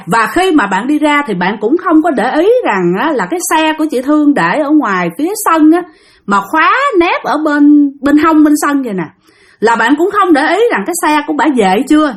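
A woman's voice: high-pitched, sing-song, fairly quick. A woman telling a ghost story in a chatty manner, speaking directly to her listeners. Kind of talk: spoken ghost story narration.

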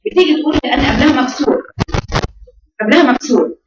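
A woman's voice: high-pitched, expressive, quick pace, noisy background. A woman with an Egyptian accent teaching a tajweed class, scolding and drilling her students on sounds. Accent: Egyptian Arabic. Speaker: Quran recitation teacher. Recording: roomy echo, voice from far off.

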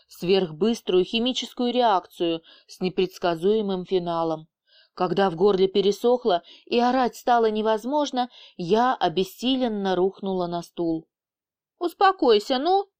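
A woman reading an audiobook in the first person, with a lively, sardonic storytelling manner. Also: medium pitch, normal speed, clean tone. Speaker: audiobook narrator.

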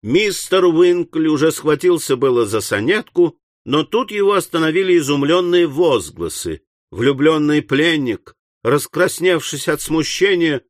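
A man reading a classic novel aloud as an audiobook narrator, in measured storytelling. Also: on the high side, no echo, clean studio sound. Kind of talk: scripted literary narration.

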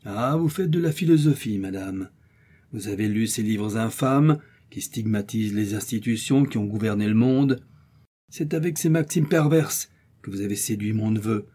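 A man's voice: fairly low pitch, normal speed, breathy edge. A man reading a stern, haughty old uncle. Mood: threatening. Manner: calm but severe, haughty. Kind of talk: audiobook character reading.

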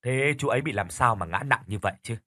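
A man's voice: mid-range voice, expressive, fast, sharp tone, no room sound, clean studio sound. A man playing an anxious middle-aged brother. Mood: worried. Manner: urgent, pressing questions.

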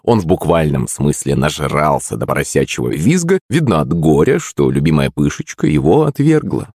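A man's voice: extremely low pitch, big pitch swings, normal speed, darkish tone, husky, no echo, clean studio sound. A man narrating a story in the first person with a wry, ironic manner.

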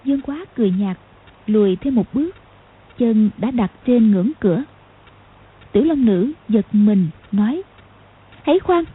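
A woman narrating an audiobook in a steady storytelling manner. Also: mid-range voice, normal speed, pauses often, husky, narrow, tinny audio. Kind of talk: scripted narration.

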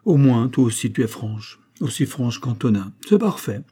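Calm stubborn husband, read by a man, deliberate, dark husky voice. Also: medium pitch. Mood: placid. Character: placid middle-aged husband, calm and stubborn.

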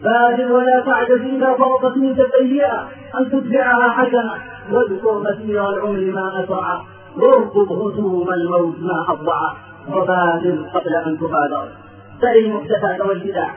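A man preaching a sermon in a fervent, rhythmic way, telling a story and reciting verse. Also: high-pitched. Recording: tinny, echoey, distant, with music.

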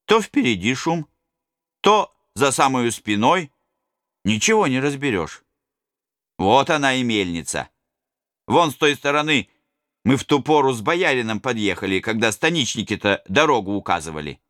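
A man's voice: medium pitch, very animated, normal speed, a bit bright, no room sound, clean studio sound. A man voicing an agitated middle-aged male servant, superstitious and blustering, with folksy exclamations.

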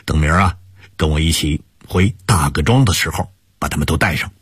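A man's voice: a bass voice, fairly quick, husky, no room sound, clean studio sound, full character voice. A man doing a hearty returning elder. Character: middle-aged man returning home, brisk, later stunned.

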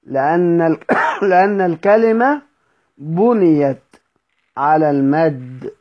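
A man's voice: fairly high pitch, slow pace, muffled recording. A man with an Egyptian Arabic accent teaching a recorded study session, explaining points, repeating them and quizzing his students. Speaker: Quran recitation teacher.

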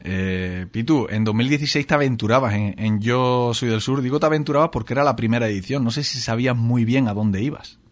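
A man hosting a radio interview, speaking in a measured way with frequent filler sounds. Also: medium pitch. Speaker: radio host.

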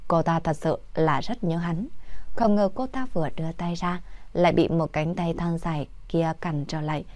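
A woman narrating a romance novel as an audiobook, in an even storytelling manner. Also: deep voice, moderate pace, dry recording.

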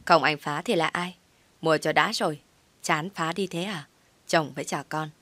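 A woman's voice: sits low, normal speed, fairly bright tone, dry recording. Woman doing a bossy forgetful young wife. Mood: scolding. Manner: scolding, nagging.

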